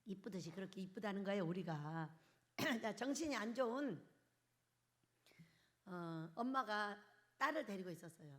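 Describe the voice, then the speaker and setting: An older woman pastor preaching a charismatic sermon, asking the congregation questions and swinging from loud bursts to soft, quiet lines. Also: medium pitch, lively intonation, normal speed, long pauses. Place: church hall.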